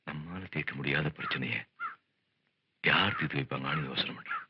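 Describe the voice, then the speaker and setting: A man playing a stern, commanding village landlord who speaks slowly with authority. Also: rumbling low, a little hiss or hum. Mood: brooding. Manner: slow, authoritative. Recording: dull old film soundtrack with music.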